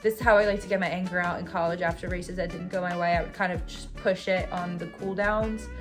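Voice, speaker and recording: A woman's voice: lowish voice, steady tone, fast talker. Twenties woman doing vlog voiceover, candid and hard on herself, faint music under it. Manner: candid, self-critical, conversational. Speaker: vlogger and runner. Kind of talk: casual vlog voice-over.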